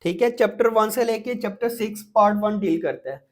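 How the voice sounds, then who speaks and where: A man with a Pakistani accent teaches an exam-prep lecture in a high voice at a fairly quick pace. He explains step by step, often repeating points and adding little check-in words.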